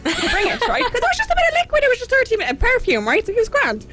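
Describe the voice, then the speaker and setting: A woman's voice: extremely high pitch, wildly swooping pitch, very fast, fairly bright tone, faint music behind. An Irish woman co-hosting a radio talk show, chatty and insistent, often laughing. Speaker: radio co-host. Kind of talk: casual on-air chat.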